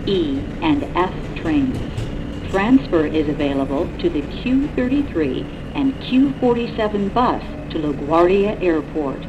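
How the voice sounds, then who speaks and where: A woman's recorded announcement calling out stations over a train loudspeaker, measured and evenly paced. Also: lowish voice. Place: inside a moving subway train. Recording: muffled, loud train noise behind.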